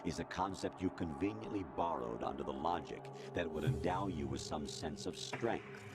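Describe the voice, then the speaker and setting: An actor playing a cold, domineering male AI overseer who lectures in a calm, condescending voice. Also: very deep voice, normal speed, over loud music. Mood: coldly lecturing. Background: loud game soundtrack.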